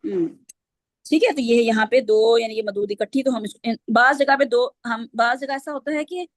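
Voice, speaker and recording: A woman's voice: on the high side, moderate pace, dry recording. A woman teaching Quranic recitation rules, explaining step by step and quizzing her students. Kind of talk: online class lesson.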